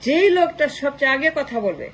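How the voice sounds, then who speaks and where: A woman's voice: sits high, very animated, fairly quick, poor audio. A woman from Bangladesh, giving an impassioned political commentary monologue, piling up long rhetorical lists of short phrases and slipping English phrases in. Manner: slips English phrases into her talk.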